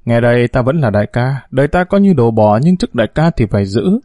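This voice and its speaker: A man's voice: mid-range voice, expressive, fast talker, warm tone, no echo, clean studio sound, close to an everyday voice. A man voicing a scheming, domineering female gang boss who talks with a sneer in a storybook reading. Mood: scornful. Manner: sneering, swaggering talk.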